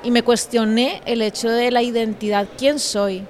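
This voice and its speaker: A woman from Bogotá with a Colombian accent, an actress speaking reflectively in a measured way, often ending thoughts with a questioning tag. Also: fairly high pitch, steady tone. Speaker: actress and guest. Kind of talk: reflective conversation.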